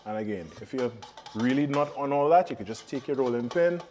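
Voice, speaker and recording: Mellow Trinidadian man in a kitchen. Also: mid-range voice, animated, fairly quick. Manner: easygoing, instructive. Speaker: cooking show co-host. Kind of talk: casual cooking demonstration chat. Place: home kitchen, indoors. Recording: background noise with kitchen clatter.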